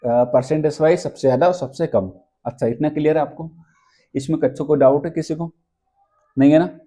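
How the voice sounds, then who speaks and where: A male teacher with a fairly high, warm voice leads an exam-prep lesson. He asks questions and answers them himself, going back over the key points.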